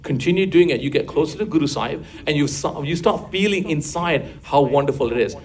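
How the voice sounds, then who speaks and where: Older guy teaching a faith class, talks fast, keeps asking okay? to the kids. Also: on the high side. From England. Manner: lively, coaxing, asks the class questions. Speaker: religious teacher. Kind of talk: classroom religious talk.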